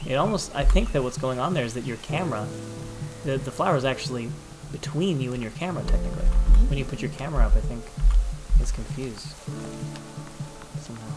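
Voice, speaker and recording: A man chatting casually over gameplay in quick, rambling bursts. His voice sits at an ordinary middle pitch. Game music runs steadily underneath. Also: low-quality recording. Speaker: co-host.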